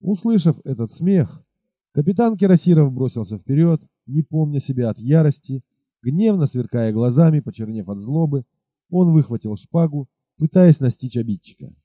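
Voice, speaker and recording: A man's voice: on the high side, moderate pace, dry recording. A man narrating an adventure novel expressively as an audiobook reader. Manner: expressive storytelling. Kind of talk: scripted narration. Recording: dull lo-fi recording.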